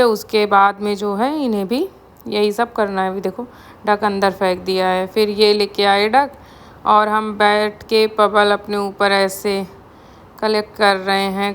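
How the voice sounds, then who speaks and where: A woman's voice: mid-range voice, clear, resonant tone. Chatty woman narrating a family vlog. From India. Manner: chatty and storytelling, mixes English words into Hindi. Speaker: family vlogger. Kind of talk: casual vlog voice-over narration.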